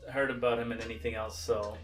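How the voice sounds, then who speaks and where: A man's voice: medium pitch, flat delivery, fast talker, distant mic. A man from Canada commenting casually on a video game, chatty and laughing often. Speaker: let's play host.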